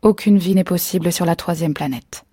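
Curt, dismissive alien husband, read by a woman in a breathy, mellow voice. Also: sits high, fairly quick, no echo, clean studio sound. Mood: impatient. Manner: curt, scornful. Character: impatient dismissive Martian husband.

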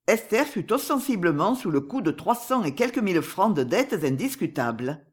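A narrator giving a measured, expressive reading of a classic novel. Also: medium pitch, slightly rough. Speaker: audiobook narrator.

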